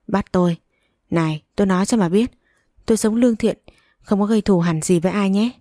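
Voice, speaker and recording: A woman voicing an indignant middle-aged man in a storybook reading, protesting loudly. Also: mid-range voice, brisk, dry recording, clean studio sound, close to an everyday voice.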